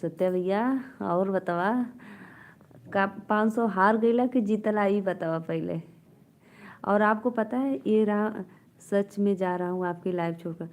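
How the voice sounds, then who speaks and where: Woman, Awadhi accent, live-stream host, playful banter, slow delivery, dark mellow tone, phone mic. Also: mid-range voice. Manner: reads comments aloud, banters playfully with viewers. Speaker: live-stream host reading viewer comments. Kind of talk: casual live-stream chat.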